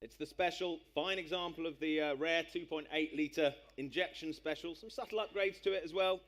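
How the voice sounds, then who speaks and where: A man working as an auctioneer, calling bids live in a brisk patter of repeated numbers. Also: on the high side, a bit bright.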